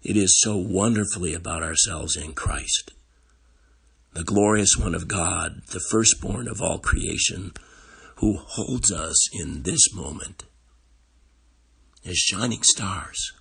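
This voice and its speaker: An older man with a frail, breathy, gravelly voice gives a gentle, contemplative devotional reflection on scripture, with long pauses. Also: low voice.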